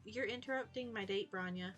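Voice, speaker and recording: A woman's voice: medium pitch, fairly quick, fairly bright tone, faint music behind, close to an everyday voice. Woman voicing a bored, dismissive troll girl. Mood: bored, annoyed. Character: bored, dismissive, sulky female troll in a visual novel.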